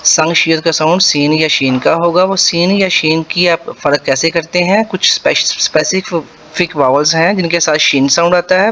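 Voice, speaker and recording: A man with a Punjabi-accented Urdu voice, patiently teaching Korean pronunciation to beginners and repeating sounds slowly syllable by syllable. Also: fairly high pitch, fairly bright tone. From Pakistan.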